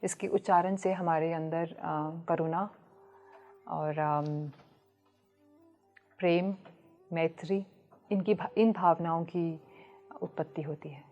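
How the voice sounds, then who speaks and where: Calm low-voiced woman explaining Buddhism. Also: soft background music. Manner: measured, mixes English phrases into speech. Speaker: Buddhist nun, podcast guest. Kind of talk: calm explanatory podcast talk.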